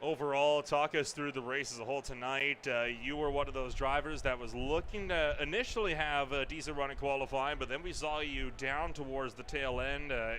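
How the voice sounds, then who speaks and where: A male sim racing commentator wrapping up a broadcast, energetic and out of breath. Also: medium pitch, brisk, hardly any pauses, slight background noise. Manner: energetic, rising to near shouting. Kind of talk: post-race broadcast wrap-up.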